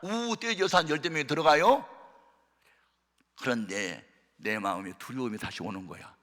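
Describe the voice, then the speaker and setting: A man preaching as a pastor, telling a testimony sermon with dramatic storytelling, acting out voices and shouting at the peaks. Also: mid-range voice, lively intonation, normal speed. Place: church hall of a prayer retreat. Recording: reverberant large hall.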